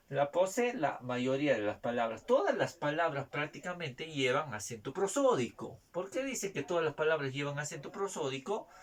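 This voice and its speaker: A man teaching a spelling lesson, repeating each point and checking in with quick tag questions. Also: fairly high pitch. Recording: distant mic, faint noise.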